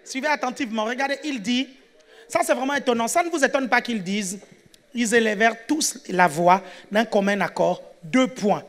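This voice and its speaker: High-voiced preacher man, animated and loud. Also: moderate pace. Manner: animated, shouting, call-and-response with the congregation. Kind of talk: sermon.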